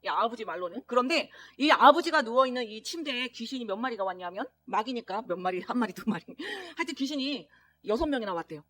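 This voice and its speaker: A woman preacher telling a story in a sermon, earnest and animated, acting out the voices of the people in it. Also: on the high side, fast.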